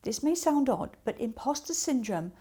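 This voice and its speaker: A woman coaches in a high, husky voice with a dark tone, very animated and at normal speed. She lays out practical advice step by step, illustrating her tips with acted-out example remarks in this instructional talk.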